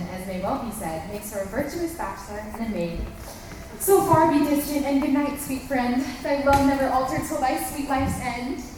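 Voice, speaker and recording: A woman's voice: on the high side, natural voice. A young woman as Hermia, a modest young lover. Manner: gentle, firm. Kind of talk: school stage play. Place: school stage. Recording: echoey hall from far off, noisy.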